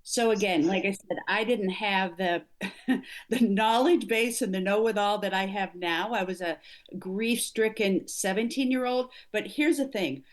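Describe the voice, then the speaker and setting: A woman's voice: mid-range voice, a little slow. A middle-aged woman, an executive coach, speaking earnestly and emphatically as an interview guest. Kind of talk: conversational interview.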